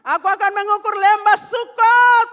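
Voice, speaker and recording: A woman preacher voicing God as a mighty, triumphant divine king, proclaiming slowly and loudly. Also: steady tone, in a large hall. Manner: booming, drawn-out proclamation.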